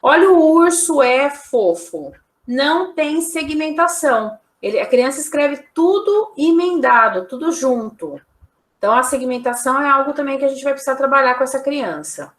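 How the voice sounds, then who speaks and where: A woman's voice: high-pitched, animated, moderate pace, fairly bright tone, reverberant. A woman teacher giving a recorded online lecture, explaining examples one by one with frequent tag questions.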